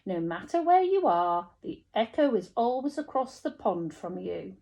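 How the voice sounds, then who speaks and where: A woman voicing a wise old male beaver who explains things gently in a children's storybook. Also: mid-range voice, sing-song, normal speed. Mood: calm, explaining.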